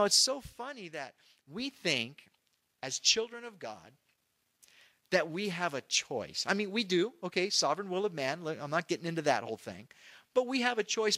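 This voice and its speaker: A man's voice: sits high, pushed and bright, no room sound. A middle-aged male pastor teaching through a Bible passage verse by verse, in a conversational way that acts out the people he quotes. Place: church.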